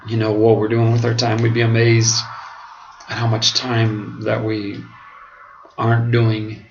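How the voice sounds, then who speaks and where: Speaking in a fairly low, completely flat voice, an American man gives an earnest, halting reflective monologue to camera, answering questions. He's a pastor and seminary student whose mouth is swollen after oral surgery, as if numb from the dentist, and the lo-fi home video sounds dull and clearly noisy.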